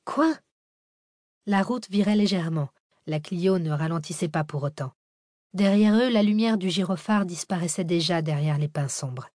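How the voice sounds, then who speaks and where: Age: adult. Sex: woman. Style: low-voiced audiobook narration. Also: normal speed, mellow, dry recording, clean studio sound. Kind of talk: scripted narration.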